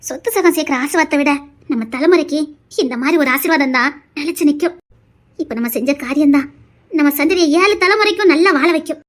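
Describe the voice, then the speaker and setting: Woman doing a bashful scolding mother-in-law, Tirunelveli accent, high voice. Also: quick pace, natural voice. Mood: solemn. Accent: Tirunelveli Tamil. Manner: shy, scolding.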